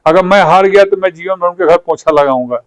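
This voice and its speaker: A man's voice: high-pitched, fairly quick, dry recording, low-quality recording. A man with a Bhojpuri accent, a party leader speaking in a political interview, fiery and rhetorical, repeating phrases for emphasis.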